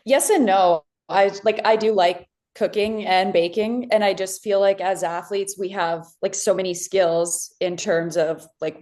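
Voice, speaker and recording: Young woman, thoughtful and hesitant, low-ish voice. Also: a little mellow. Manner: thoughtful, tentative, many fillers. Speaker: athlete workshop participant. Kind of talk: casual discussion in a workshop.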